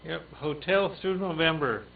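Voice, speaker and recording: A slow, halting man with a slightly high voice leads a ham radio roll call, stopping often for fillers. His voice comes from a distance over a thin, phone-like radio sound. Faint static hisses under the radio room audio. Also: vocal fry. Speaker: net control host of a ham radio net.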